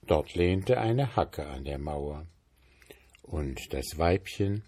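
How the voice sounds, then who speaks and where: A man reading a folk tale aloud in a slow, even storyteller's manner. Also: low voice, no echo.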